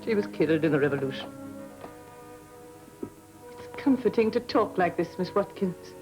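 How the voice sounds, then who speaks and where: An actress playing a tired older couture house owner, speaking with weary, wistful regal dignity in a 1950s film. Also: female voice, fairly low pitch, expressive, normal speed, natural voice, rough recording. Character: tired aging couturière, proud and lonely. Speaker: aging fashion house owner. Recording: old film soundtrack with music.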